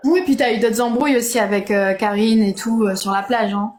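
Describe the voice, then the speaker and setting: A woman's voice: fairly high pitch, fairly even intonation, fairly quick, a little mellow. A young woman chatting casually on a live stream, often seeking agreement with little tag questions, in a roomy, noisy recording. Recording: roomy, echoing, noisy pickup.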